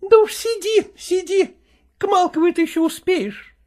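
A woman voicing a sharp-tongued middle-aged wife who scolds her estranged husband in a shrill, needling way. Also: normal speed. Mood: scolding.

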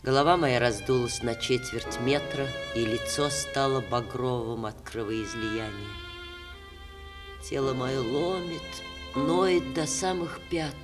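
In a 1960s Russian radio play, an actress with a deep, bass female voice portrays a witty stage star in failing health. Her diction is expressive and theatrical.

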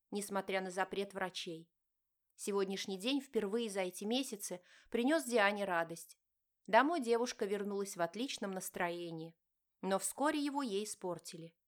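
Woman reading an audiobook. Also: medium pitch. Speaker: audiobook narrator. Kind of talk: scripted narration.

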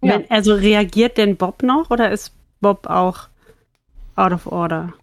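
A woman's voice: medium pitch, measured pace, dry recording. A woman at a tabletop game narrates what her character does, in a mid-range voice. The recording is dry and close, with no room sound. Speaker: player.

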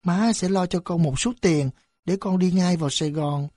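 A woman's voice: lowish voice, moderate pace, mellow, no room sound, clean studio sound, close to an everyday voice. A woman voicing a tearful, resolute mother who speaks with a trembling voice in an audiobook. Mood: grieving.

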